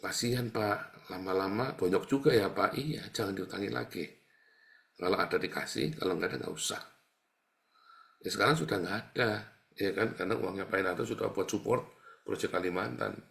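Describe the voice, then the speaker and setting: A man preaching a conversational sermon to his congregation, moving between quiet asides and loud, emphatic rebukes. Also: low-pitched, moderate pace, creaky, pauses often. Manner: keeps addressing the congregation as "saudara". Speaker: pastor.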